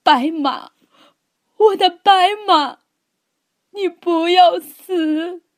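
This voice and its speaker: A woman's voice: very high voice, very slow, voice pushed up, full character voice. Woman voicing a young herder boy crying out. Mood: anguished. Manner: loud and earnest, crying out. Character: young herder boy, brave and loyal to his horse.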